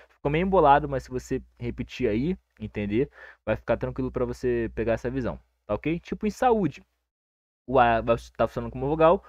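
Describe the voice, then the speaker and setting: A man's voice: medium pitch, dry recording. Brazilian guy explaining grammar, chill and reassuring, dry dull lo-fi sound. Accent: Brazilian Portuguese. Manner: relaxed and reassuring, checks in with listeners constantly. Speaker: teacher. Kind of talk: casual grammar lesson.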